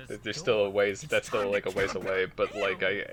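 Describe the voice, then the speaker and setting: Man, low voice, excitable, laughs a lot, group commentary, other voices behind. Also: moderate pace, a crowd in the background. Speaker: series creator. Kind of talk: commentary chat.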